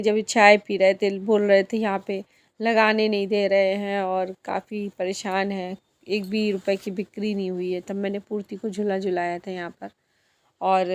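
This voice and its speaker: A woman vlogger narrating her outing in a chatty way, often speaking straight to her viewers. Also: mid-range voice. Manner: chatty, addresses viewers as friends. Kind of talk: casual vlog narration.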